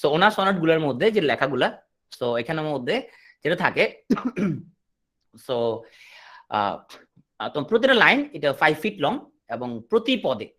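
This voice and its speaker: Lively joking Bangladeshi man teaching. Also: fairly high pitch. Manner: lively, joking asides to students. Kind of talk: coaching class lecture.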